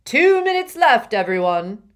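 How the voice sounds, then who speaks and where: A woman voicing a jovial, portly older male potions teacher with a hearty, booming manner. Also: sing-song, a little slow.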